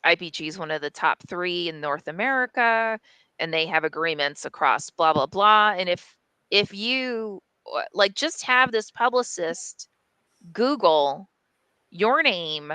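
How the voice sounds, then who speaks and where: A woman editor tells a story in casual podcast chat, frank, lively and quick to swear. Her voice is bright and crisp, and the sound is dry and close with no room echo. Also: lowish voice. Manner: animated storytelling, frank and profane, many fillers. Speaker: press editor.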